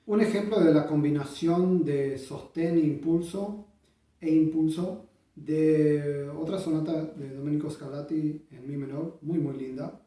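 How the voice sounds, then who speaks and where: A man teaching bandoneon, explaining in a thoughtful way with many pauses and sung-out rhythms. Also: on the high side, fairly even intonation, mellow. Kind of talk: instructional explanation. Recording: echoey room, voice from a distance.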